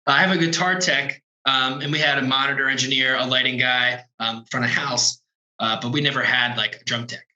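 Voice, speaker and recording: This guest, a touring drum tech, talks about his work over a video call in a rough, roomy-sounding recording. His mid-range voice is steady, sharp, and a little fast, and his relaxed, wandering answers are packed with fillers like "like" and "you know."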